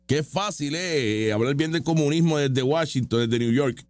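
This political commentator casually mocks what he sees in street interview clips, firing off rhetorical questions and opinions. His voice runs a little high at normal speed, with no room sound.

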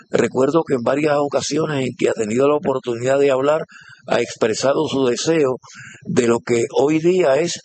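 A man's voice: mid-range voice, a little mellow, slight background noise. Chatty male interviewer. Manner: chatty, halting questions with many fillers. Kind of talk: on-site interview.

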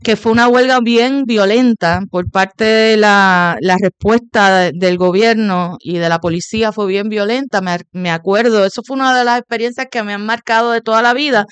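A woman's voice: mid-range voice, fairly even intonation, normal speed, hardly any pauses, clean tone, no echo. A woman, a guest in an interview, earnestly recounting memories with small hesitations. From Puerto Rico. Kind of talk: conversational interview.

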